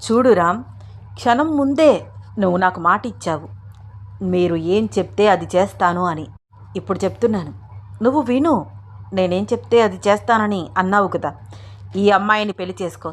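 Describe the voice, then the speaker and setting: A woman's voice: mid-range voice, normal speed, pauses often, close to an everyday voice. A woman voicing a stern, grieving older mother in a storybook reading, speaking firmly and with command. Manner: firm, commanding.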